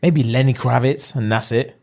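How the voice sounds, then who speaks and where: A man, co-hosting a casual podcast and telling stories in an animated, slangy, jokey way. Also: medium pitch, moderate pace, vocal fry. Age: late 20s. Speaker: podcast co-host. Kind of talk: casual chat.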